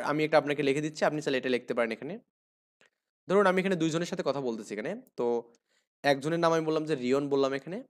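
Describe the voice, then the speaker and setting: Fairly high-pitched male teacher. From Bangladesh. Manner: explains word meanings, repeats "here" and "okay?" often. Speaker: English teacher. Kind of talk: online class lesson.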